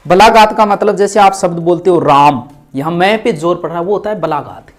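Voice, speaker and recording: A man's voice: high voice, brisk. A male teacher, giving an exam-prep lecture, stressing key words and offering memory tricks.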